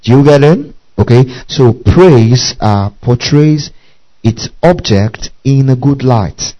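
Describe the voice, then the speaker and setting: A man's voice: mid-range voice, lively intonation, takes it slowly, warm tone. A man preaching a Bible lesson, who keeps checking in with his listeners by asking "okay?" and "do you see that?". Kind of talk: bible teaching sermon. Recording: muffled lo-fi recording.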